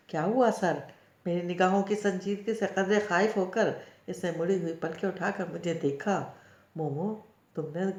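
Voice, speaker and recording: A woman narrating a novel in an even storytelling manner. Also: lowish voice. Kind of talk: audiobook reading of a novel. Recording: roomy, dull lo-fi recording.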